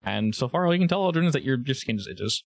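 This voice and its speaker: Animated man running a tabletop game. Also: medium pitch, fast talker, creaky, no echo, studio quality. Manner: animated, laughs often. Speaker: game master.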